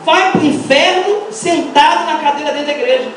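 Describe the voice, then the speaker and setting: High-voiced Brazilian woman preaching fervently. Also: moderate pace, slight background noise. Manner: impassioned, rhetorical questions, bursts of shouting. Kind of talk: fervent Pentecostal sermon. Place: large church hall. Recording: echoey church hall, mic far off.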